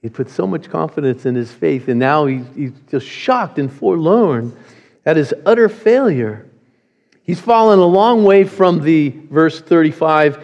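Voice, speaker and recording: A man preaching a sermon, reading scripture slowly and deliberately. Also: a little high, darkish tone, in a large hall, lo-fi sound. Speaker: pastor.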